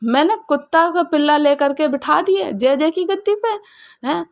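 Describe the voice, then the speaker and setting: A woman's voice: high voice, normal speed, pitched above the performer's own voice. A woman voicing sulky little boy Krishna. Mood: indignant. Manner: pleading, indignant child talk.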